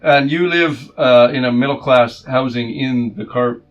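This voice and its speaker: During a casual session-zero chat, a game master casually asks his tabletop players about their characters. He speaks at a medium pitch and measured pace, though the recording is muffled.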